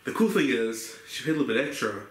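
A man's voice: mid-range voice, quick pace. Young guy rambling casually. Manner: relaxed, rambling, many fillers. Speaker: vlogger. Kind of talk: casual haul video. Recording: echoey room with faint noise.

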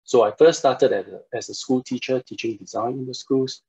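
A man's voice: mid-range voice, steady tone, brisk, creaky, warm tone, husky. A man in his forties from Singapore, giving an online university lecture, polite and hesitant with many fillers, heard through a computer mic on a video call. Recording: dull lo-fi video call audio.

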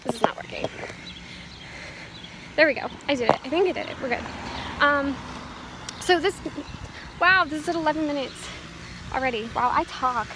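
A woman's voice: high voice, normal speed, pauses often. Rambling teenage girl on a phone vlog. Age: teens. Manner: rambling, profane, self-mocking, frequent laughs. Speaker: vlogger. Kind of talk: casual walk-and-talk vlog. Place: outdoors on a town street. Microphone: phone at arm's length while walking. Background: faint street noise and a weed whacker.

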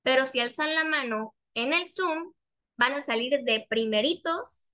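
Bright high-voiced woman teacher. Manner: patient, repeats questions, stretches out example words slowly. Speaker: English teacher. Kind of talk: online class instruction. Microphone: video call.

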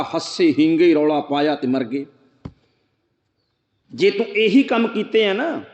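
A man giving a sermon, explaining scripture line by line, asking rhetorical questions, reciting verse slowly and speaking straight to his listeners. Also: high voice. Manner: addresses listeners directly. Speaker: preacher. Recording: echoey hall, dull lo-fi sound.

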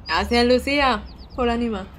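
A young woman, chatting excitedly and casually while she streams a video game. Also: fairly high pitch, moderate pace, a little hiss or hum. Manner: excitable, chatty, with frequent squeals and giggles. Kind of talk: casual live-stream gameplay chat.

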